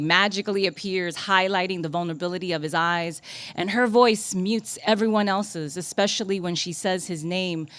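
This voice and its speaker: At a coffee shop reading, a female poet delivers her work in a measured, careful way, then chats in a relaxed, self-deprecating manner between pieces. Her voice is lowish, and the recording is dry.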